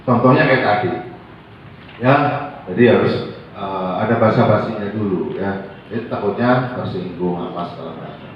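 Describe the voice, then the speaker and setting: A man's voice: lowish voice, moderate pace, long pauses, highs cut off, a little hiss or hum. A man who works as an AC technician and trainer, chatting casually and giving advice, acting out his talks with customers as he goes. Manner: animated storyteller, acts out customer dialogue. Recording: echoey room, mic far off.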